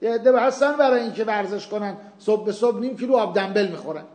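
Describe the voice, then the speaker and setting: A man with a fairly high voice lectures a seminary class. He works through the point by asking his own questions and answering them with homely examples. The room rings with a noticeable echo. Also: a little mellow. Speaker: teacher of Islamic legal theory.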